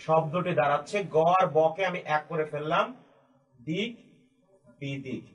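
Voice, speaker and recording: A man with a Bangladeshi Bengali accent teaching a grammar lesson to students, patiently repeating and slowly spelling out each key point. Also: a little high, fairly even intonation, a bit bright, highs cut off.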